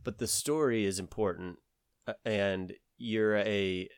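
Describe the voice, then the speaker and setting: A man's voice: fairly low pitch, steady tone, unhurried, clear, resonant tone, dry recording, clean studio sound. A man from the American South with a Southern accent, telling a long story in casual conversation, rambling with many fillers and restarts.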